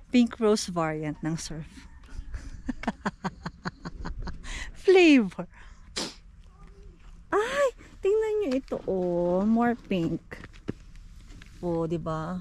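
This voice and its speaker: A woman's voice: fairly low pitch, darkish tone, a little hiss or hum. A woman with a Filipino accent chatting playfully as a travel vlogger at an outdoor flower farm. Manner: chatty, playful, giggly asides. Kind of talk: casual travel vlog chat.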